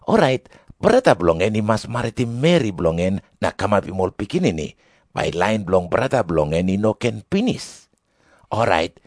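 A man's voice: on the low side, a little mellow, dry recording, clean studio sound. A man with a Papua New Guinean accent playing someone posing a puzzle to a teacher in a scripture drama.

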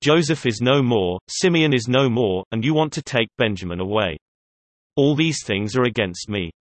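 A man's voice: mid-range voice, lively intonation, moderate pace, no room sound, natural voice. A man reading as a grieving old father. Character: grieving old father, protective of his son.

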